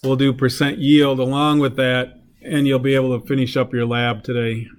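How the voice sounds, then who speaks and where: A man's voice: mid-range voice, flat delivery, normal speed. A man teaching a chemistry class, working through a problem step by step and asking the students questions as he goes. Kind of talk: classroom lecture.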